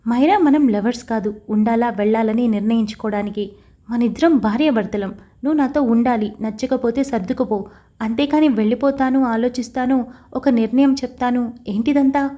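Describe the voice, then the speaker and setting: A woman's voice: on the high side, normal speed, mellow, lightly acted. A woman reading the lines of a stern, blunt young husband in an audio story, demanding answers directly.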